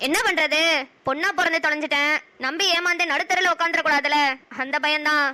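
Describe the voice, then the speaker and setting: A woman doing an anxious young village sweetheart, very high and bright. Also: steady tone, a little fast. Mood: worried. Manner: emotional, teasing then tearful. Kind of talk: cartoon dialogue acting.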